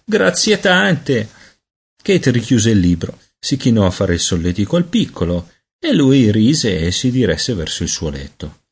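A man narrating a children's storybook aloud in an expressive storytelling manner. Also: lowish voice, normal speed, breathy edge. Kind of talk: audiobook narration.

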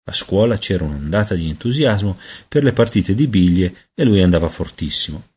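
A man narrating a children's storybook aloud in an expressive storytelling manner. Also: low voice, slightly rough. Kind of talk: audiobook narration.

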